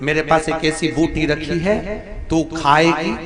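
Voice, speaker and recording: A man voicing a calm, scheming holy man who coaxes and insists in a teasing way. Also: a little high, unhurried, over music, lightly acted. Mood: insistent.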